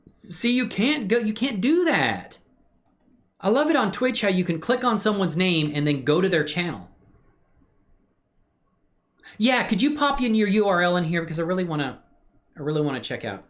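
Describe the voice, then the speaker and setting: Very animated and slightly fast, his voice high and fairly bright, a hobbyist 3D animator chats on a casual livestream. He greets viewers warmly with playful slang, then rambles and mutters through a screen-share tutorial.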